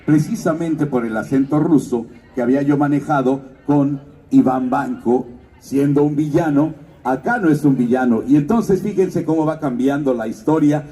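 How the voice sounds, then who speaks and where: A voice actor talks to an expo crowd and tells stories, slipping into character voices as he goes. His tone is mellow and a little dark, and he sounds somewhat distant from the microphone. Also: fairly high pitch, moderate pace. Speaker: voice actor and announcer. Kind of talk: stage talk at a fan expo.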